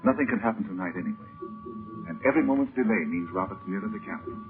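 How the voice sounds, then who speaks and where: An actor playing a composed, protective heroic magician, soothing and measured in 1930s radio serial style. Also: male voice, lowish voice, lively intonation. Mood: calm, reassuring. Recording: muffled 1930s radio recording with music.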